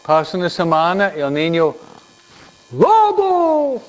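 Telling stories with animation and firing questions at the children, a man gives a Sunday school lesson in a slow, somewhat high voice. He's their teacher, and the recording is dull and lo-fi.

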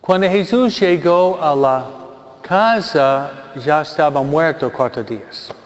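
A man, a priest, giving a funeral homily and retelling a story simply, with pauses. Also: a little high. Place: church. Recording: lo-fi recording in a reverberant church.

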